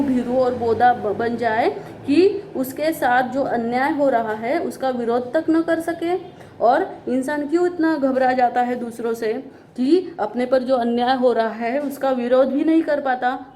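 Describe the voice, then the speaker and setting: A woman's voice: sits high, darkish tone, slight background noise. A woman teacher explaining a story in an online class, repeating lines and glossing words as she goes.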